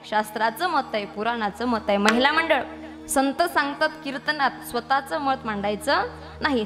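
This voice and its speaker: A woman preaching a devotional kirtan sermon, teasing her women listeners and calling for answers in lively call-and-response. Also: high-pitched, long reverb tail.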